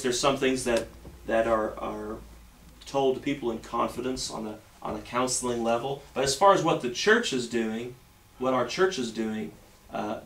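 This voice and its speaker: A man preaching a sermon earnestly, often pausing on fillers and restarting his sentences. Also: medium pitch, a bit bright. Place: church sanctuary. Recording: echoey church room, mic at a distance.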